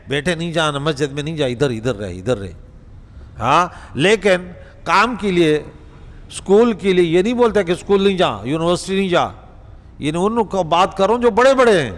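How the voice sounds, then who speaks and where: A man's voice: a little high, fairly bright tone. A male preacher giving a conversational Quran lesson in a mosque, speaking directly to the congregation. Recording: reverberant prayer hall.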